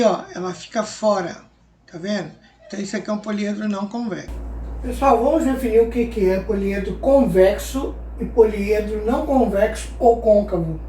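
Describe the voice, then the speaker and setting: A woman with a medium-pitched, slightly mellow voice teaches a geometry lesson, patiently quizzing her class and answering her own questions. Her voice is distant from the mic, and the room echoes.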